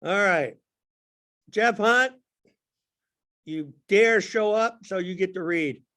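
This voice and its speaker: A man's voice: sits high, takes it slowly, bright, forceful tone. A man leading a Sunday school class in casual, rambling talk, joking and restarting his sentences. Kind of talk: casual Bible class teaching.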